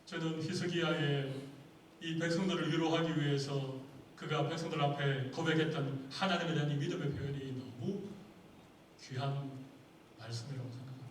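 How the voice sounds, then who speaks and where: A man's voice: on the high side, steady tone, normal speed, a little hiss or hum. A male pastor preaching a Sunday sermon and asking the congregation rhetorical questions. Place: church sanctuary. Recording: echoey hall, far from the mic.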